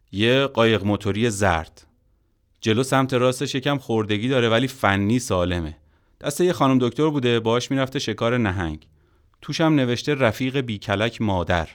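A man voicing a mocking male thug who taunts with slow, drawn-out sarcasm. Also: fairly low pitch, fairly even intonation, lightly acted.

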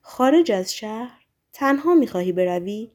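Storybook role: a woman reading a nervous, lovestruck young man who begs softly. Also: medium pitch, lively intonation, vocal fry. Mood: pleading. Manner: pleading, hushed and anxious.

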